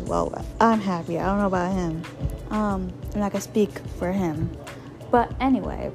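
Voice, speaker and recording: A woman hosts a casual solo podcast in a gravelly, hoarse voice full of fry. She rambles informally through her advice and circles back on phrases to stress them. Her pitch sits in an average female range, with faint music underneath. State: hoarse, voice partly lost. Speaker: podcast host.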